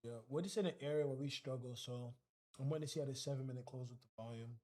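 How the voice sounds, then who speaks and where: Man, livestream trading host, casual slangy commentary, warm mellow voice. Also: mid-range voice, fast. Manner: casual and slangy, talking to chat. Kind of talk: live commentary while trading.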